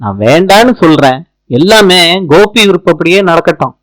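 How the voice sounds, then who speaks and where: A man's voice: a little high, expressive, moderate pace, dry recording, lightly acted, rough recording. A man reading the lines of a hurt young wife who sounds subdued and resigned. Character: hurt young wife holding back tears.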